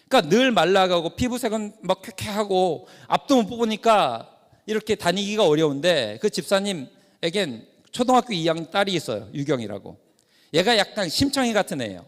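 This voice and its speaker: High-voiced pastor telling a story in a hall. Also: male voice. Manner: animated, acts out dialogue. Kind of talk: sermon-style storytelling lecture. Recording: long hall reverb.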